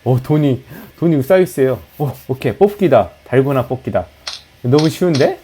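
A man's voice: medium pitch, moderate pace, slight background noise, poor audio. A man hosting a gaming channel, giving playful commentary on mobile games as he plays, yelping and groaning at misses and cheering at wins. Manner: excitable, yelps and groans at failures, cheers at wins. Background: game music.

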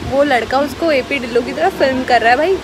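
A woman's voice: high voice, fast. A young woman in her twenties chatting and joking with her cousins in a cafe, filmed on a phone held at arm's length. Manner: chatty, joking, frequently laughing. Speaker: vlogger. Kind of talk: casual vlog chat with cousins. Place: busy cafe, indoors. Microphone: phone camera at arm's length. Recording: loud cafe background noise.

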